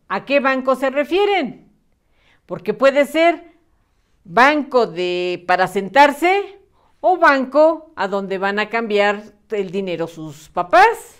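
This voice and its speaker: Patient woman teaching spelling to children. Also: high-pitched. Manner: patient, encouraging, slow and clear dictation. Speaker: primary school teacher.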